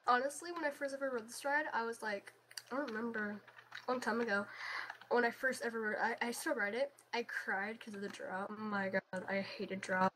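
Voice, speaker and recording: Bright-voiced woman guest, excitable rambler, slight background hiss. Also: on the high side, fairly quick, low-quality recording. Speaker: guest co-host. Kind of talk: casual game tour chat.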